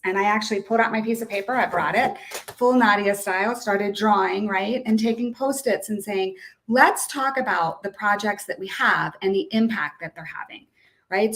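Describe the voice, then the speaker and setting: A woman from the United States, a guest on an online show, telling a story in a lively, chatty way. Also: mid-range voice. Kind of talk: conversational storytelling.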